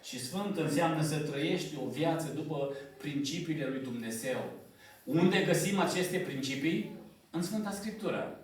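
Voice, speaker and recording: A man preaching a sermon in a church hall, building in pitch and force to stress points and slowing on key phrases. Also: far from the mic. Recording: echoey church hall from off mic.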